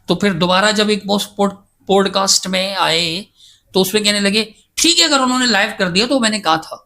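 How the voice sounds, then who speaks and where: This man has a high voice that sounds pushed and bright. Appearing as a guest scholar in a podcast interview, he defends himself at length, insistent and emphatic, in a casual debating manner.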